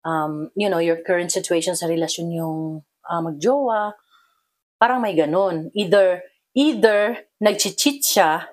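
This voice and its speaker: A woman with a Filipino accent, telling a dream story in a casual vlog. Her talk is full of fillers and slips into English phrases, and she raises her voice sharply when quoting herself. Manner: animated retelling, acts out her own quoted lines in a higher voice; many fillers and code-switching into English phrases. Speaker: vlogger.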